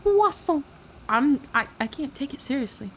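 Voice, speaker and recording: A woman's high, sing-song, fairly bright voice moves at a moderate pace as she streams a game, reacting live in a casual, teasing way. She often giggles and repeats words for effect, with game audio behind her and faint noise on the livestream.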